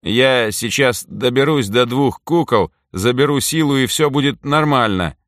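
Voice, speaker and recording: A man voicing Mitka, a nervous and gruff young man, in a raised, tense voice in an audiobook. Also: medium pitch, a little slow, fairly bright tone, no room sound, studio quality, pitched above the performer's own voice, natural voice.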